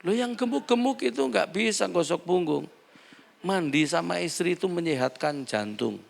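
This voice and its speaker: A man's voice: sits high, expressive, moderate pace, vocal fry. A male pastor, preaching a humorous sermon and acting out dialogues.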